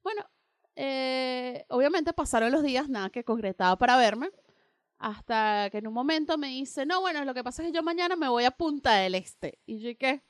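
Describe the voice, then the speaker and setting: High-voiced young woman telling a story. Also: moderate pace, no room sound, clean studio sound. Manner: animated, acts out both sides of dialogues. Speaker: radio co-host. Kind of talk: casual storytelling chat.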